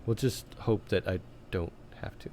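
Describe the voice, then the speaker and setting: Hoarse-ish casual game streamer man. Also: fairly low pitch, normal speed, a little mellow, slight background noise. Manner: casual, chatty, laughs often, reads dialogue in plain voice. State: losing his voice, coughing. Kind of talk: live game playthrough, reading dialogue aloud.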